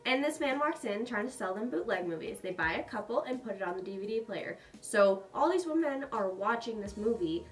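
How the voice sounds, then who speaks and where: A young woman vlogger casually telling a personal story, chatty and animated, with sarcastic asides. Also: mid-range voice, a little fast, hardly any pauses, recorded from a distance, faint music behind.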